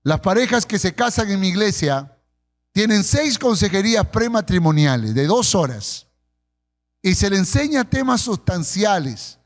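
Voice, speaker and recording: A Peruvian pastor with a Peruvian Spanish accent preaches a sermon to his congregation in church, his voice fairly high for a man and full of big pitch swings. He tells stories, acting out the quotes, and slows right down on the lines he wants to stress.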